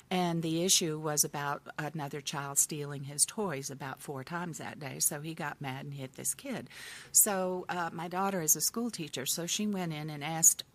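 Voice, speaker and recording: An older woman on a discussion panel, speaking as a family counselor in a candid, conversational way with thoughtful pauses. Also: low voice.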